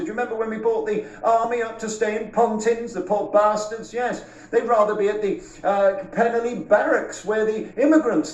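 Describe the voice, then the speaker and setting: A man's voice: sits high, darkish tone, recorded from a distance. A man hosting a talk show, ranting in a sarcastic, mocking and blunt way. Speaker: host. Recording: echoey, off-mic.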